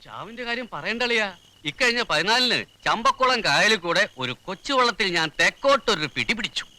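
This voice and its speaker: A carefree, bragging brother-in-law who loves to tell tales. His voice is high and bright, and it swoops up and down as he chatters on playfully. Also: sing-song, brisk, exaggerated voice, low-quality recording. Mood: boasting. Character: boastful, easygoing brother-in-law who likes a drink. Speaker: brother-in-law, boat race team captain. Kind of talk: film comedy acting.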